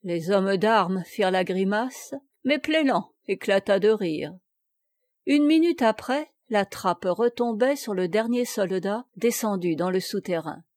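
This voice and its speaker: Audiobook narrator, woman, mid pitch, measured storytelling, close dry mic. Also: lively intonation, darkish tone, dry recording. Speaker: audiobook reader. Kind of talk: literary narration.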